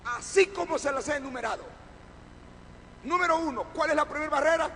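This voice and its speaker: A man preaching a sermon, asking rhetorical questions and having the congregation repeat words after him, rising at times to a shout. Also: very high-pitched, brisk. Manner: call-and-response, asks the congregation to repeat. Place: church hall. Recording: echoey hall with faint noise.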